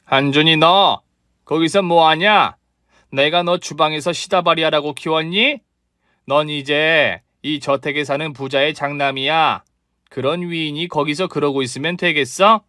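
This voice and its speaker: A man's voice: fairly high pitch, steady tone, measured pace, bright, forceful tone, no echo, studio quality. A man doing a bossy, haughty mother-in-law. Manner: commanding, scolding. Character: bossy newly rich older mother-in-law, haughty and scolding.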